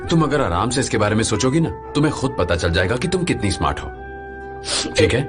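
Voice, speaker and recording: An actor playing a calm, kind young man in a dubbed TV drama, soothing and steady. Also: mid-range voice, quick pace. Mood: reassuring. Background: music score.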